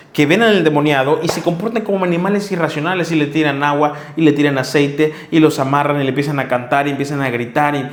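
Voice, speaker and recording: A man preaching a sermon, reading Bible verses and earnestly scolding his listeners. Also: fairly high pitch. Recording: echoey room.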